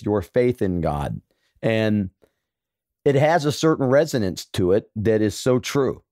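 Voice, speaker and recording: A man's voice: lowish voice, darkish tone, no room sound, studio quality. A man hosting an interview, asking questions and responding in an encouraging, affirming way. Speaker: host. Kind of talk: interview conversation.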